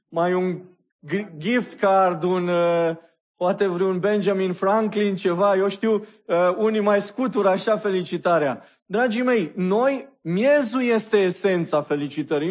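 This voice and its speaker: A man preaching a sermon to his congregation, telling stories and slowing down to stress key words. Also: high-pitched, highs cut off. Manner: addresses the congregation warmly, tells anecdotes, slows down for emphasis. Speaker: pastor.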